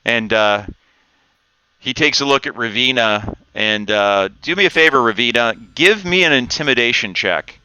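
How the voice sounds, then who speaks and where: Bright-voiced game master narrating. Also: male voice, mid-range voice, lively intonation, clean tone, lo-fi sound. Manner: descriptive, measured, with restarts.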